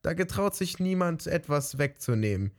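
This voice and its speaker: A man's voice: on the high side, very animated, moderate pace, pitched above the performer's own voice. A man voicing a sly, greedy female cat who coaxes and sweet-talks in a fairy-tale reading. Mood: coaxing. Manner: coaxing, sweet-talking.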